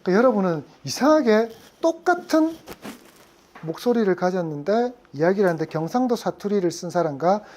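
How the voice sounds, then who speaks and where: Lively woman lecturing a class. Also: lowish voice. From Gyeongsang region. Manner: asks the audience frequent questions. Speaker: insurance sales lecturer.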